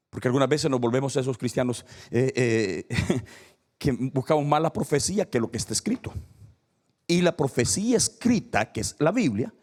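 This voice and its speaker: A man preaching a fervent sermon in a high, gravelly and husky voice. He swings wildly between ringing cries and hushed, sunken phrases. He keeps turning to the congregation with questions. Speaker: pastor.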